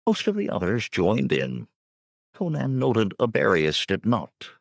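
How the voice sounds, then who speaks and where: Low-voiced man narrating with lively expression. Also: unhurried, gravelly, dry recording, clean studio sound. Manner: expressive storytelling. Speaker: audiobook narrator. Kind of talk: scripted narration.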